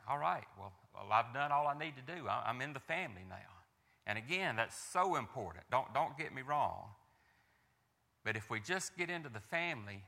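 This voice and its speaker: Gravelly Southern man sharing his testimony. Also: mid-range voice, bright, forceful tone, long reverb tail. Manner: earnest, repetitive, with frequent restarts and rhetorical questions.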